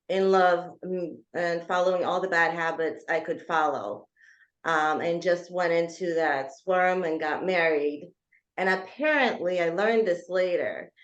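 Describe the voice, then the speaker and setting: A woman with a lowish voice tells her own story in an interview, earnest and full of ums. The audio is dull and lo-fi with a roomy echo around her. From Georgia (former Soviet Union). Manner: earnest, frequent ums, speeds up and slows down. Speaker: guest author. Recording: echoey, dull lo-fi remote audio.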